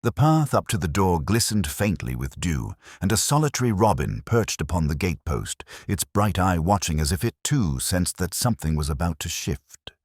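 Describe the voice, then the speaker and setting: Male narrator, very deep, lively intonation, dry close recording; calm measured audiobook storytelling. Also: breathy edge, dry recording.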